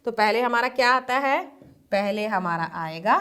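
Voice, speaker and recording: In a classroom lesson for primary pupils, a woman whose pitch is slightly raised speaks at normal speed with a clean tone. Her patient, steady delivery takes each point in turn, as she asks questions, supplies the answers herself, and goes back over key definitions.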